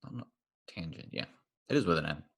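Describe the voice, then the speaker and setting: A man's voice: low voice, animated, fast, gravelly, fairly bright tone, slightly rough. A male math teacher recording a casual online lecture, thinking aloud and correcting himself as he draws on screen.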